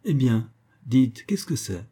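A man's voice: mid-range voice, sing-song, slow, mellow, breathy edge, exaggerated voice. A man reading aloud and voicing a poised, self-assured young woman writer who talks in a light, teasing, gracious way.

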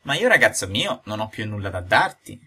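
A man's voice: on the low side, a little fast, breathy edge, full character voice. Geppetto, a man doing a patient old father. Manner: calm, gently lecturing. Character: patient kindly old father, poor woodcarver.

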